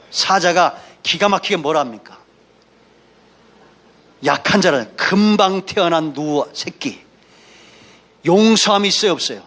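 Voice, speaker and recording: Bright-voiced, animated Korean pastor preaching. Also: male voice, on the high side. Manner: animated preaching with sudden shouts and asides to the congregation. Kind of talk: sermon. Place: church sanctuary.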